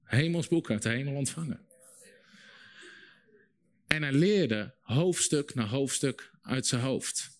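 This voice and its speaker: A man's voice: medium pitch, slow pace, long pauses. A young man preaching a sermon, telling a story vividly and repeating phrases for emphasis. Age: young adult.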